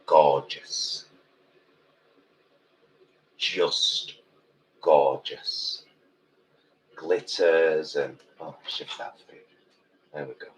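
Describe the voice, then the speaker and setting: A man's voice: extremely low pitch, fairly even intonation, very slow, long pauses. A British man in his early fifties, a campy drag queen chatting casually and thinking aloud during a live makeup session. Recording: roomy, distant, noisy background.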